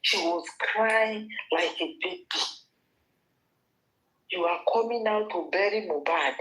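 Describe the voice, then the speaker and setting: A woman with a Nigerian accent hosts a gossip commentary vlog. She scolds her target head-on and talks straight at her. Her voice sits at an everyday middle pitch. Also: takes it slowly, a bit bright, rough recording.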